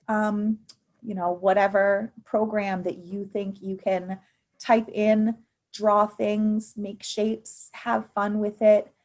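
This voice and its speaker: A woman's voice: mid-range voice, darkish tone. A woman in her thirties leading an online youth finance workshop, upbeat and encouraging, with frequent ums, speaking into a computer mic on a video call. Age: 30s. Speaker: financial literacy presenter.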